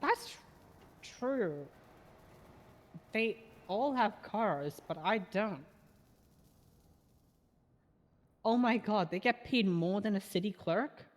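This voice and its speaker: A woman's voice: medium pitch, lively intonation, slow. Woman playing a chatty, nosy clerk in long reverb. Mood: incredulous. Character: chatty, nosy female city clerk running a survey. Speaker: player acting a customer satisfaction surveyor. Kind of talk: improvised online game role-play, casual.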